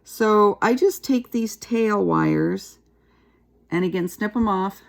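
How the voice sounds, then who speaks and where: Gravelly-voiced woman teaching a craft. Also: medium pitch, takes it slowly. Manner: chatty, relaxed, talks while working with her hands. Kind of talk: casual craft tutorial.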